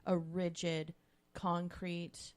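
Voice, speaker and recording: A woman co-hosting a podcast, chatting casually and often breaking in with quick remarks. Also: lowish voice, level tone. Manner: chatty, self-deprecating, interjects often. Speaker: podcast co-host. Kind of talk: casual chat.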